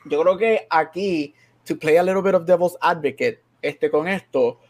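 A man's voice: fairly high pitch, unhurried. A man co-hosting a casual podcast chat, reasoning things out and switching often between Spanish and English. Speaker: podcast co-host.

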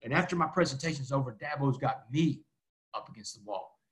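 A man in his forties from Texas, a motivational speaker telling his story fast as an interview guest, peppering it with "man". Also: medium pitch, lively intonation. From Texas, USA. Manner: fast talker, keeps saying "man".

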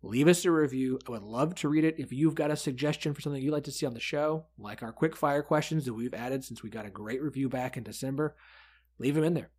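A man's voice: medium pitch, fast, darkish tone, breathy edge. A man hosting a sports podcast in a casual, conversational way. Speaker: podcast host.

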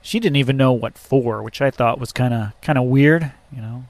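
A man's voice: mid-range voice, moderate pace, no echo. Rambling, profane storytelling man. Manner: rambling, profane, lots of fillers and restarts. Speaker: truck driver. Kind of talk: casual storytelling vlog.

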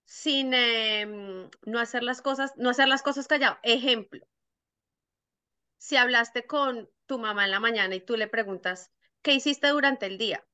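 Young woman, co-host; bright, higher voice, casual and explanatory. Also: unhurried, clear, resonant tone. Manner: explains with examples, some hesitations. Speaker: podcast co-host. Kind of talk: casual chat.

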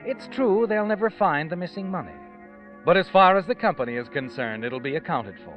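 A man's voice: a little high, animated, brisk, a bit bright, faint music behind. A man playing a sinister, all-knowing narrator who taunts the guilty in a 1940s radio suspense drama. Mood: sinister, taunting. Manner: taunting, knowing, theatrical second-person address. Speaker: story narrator. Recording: dull, lo-fi vintage radio recording.

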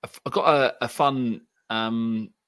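A man's voice: mid-range voice, fairly even intonation, unhurried, a bit bright, no echo. A man from Leicester hosting a football podcast in casual, conversational chat. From Leicester, England. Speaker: podcast host.

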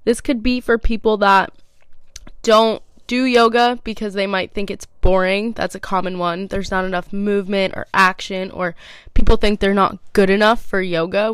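Congested young woman podcaster, smooth and dry. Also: medium pitch, dry recording. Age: 20s. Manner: chatty, self-mocking, laughs easily. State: congested, nasal. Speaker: podcast host. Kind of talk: casual solo podcast.

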